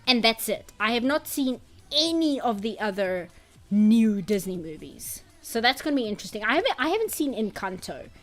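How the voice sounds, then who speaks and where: A woman's voice: fairly high pitch, big pitch swings, moderate pace, fairly bright tone. A woman streamer in casual chat who rambles and reads out chat comments. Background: faint background music.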